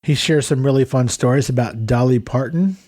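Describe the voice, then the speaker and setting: A man's voice: mid-range voice, brisk, darkish tone. A middle-aged podcast host from Texas talks in a loose, chatty way. He cuts himself off mid-thought and drops in "dude" and "man" as he goes. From San Antonio, Texas. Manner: chatty, self-interrupting, says "dude" and "man". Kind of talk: casual podcast interview and intro.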